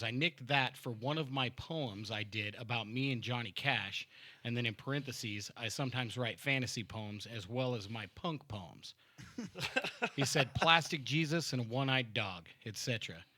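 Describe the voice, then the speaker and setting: A man's voice: medium pitch, bright, forceful tone, dry recording. A man hosting a casual podcast in a home-built studio, chatting loosely with laughs and fillers and reading a fan letter aloud. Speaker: podcast host and band member. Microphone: studio mic with headphones.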